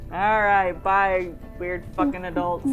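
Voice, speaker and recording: A woman's voice: lowish voice, little pitch movement, takes it slowly, dull audio, soft background music. A woman co-hosting a let's play, chatting casually and joking while reading game characters.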